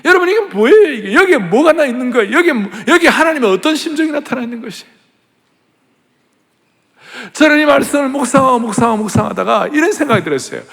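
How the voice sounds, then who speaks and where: A middle-aged man preaching in a large church, his voice pitched high with a gravelly edge. He tells the story dramatically, dropping to hushed whispers and rising to loud cries. The sound carries a long reverb from the hall. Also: lively intonation, fast talker. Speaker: pastor. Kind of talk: sermon.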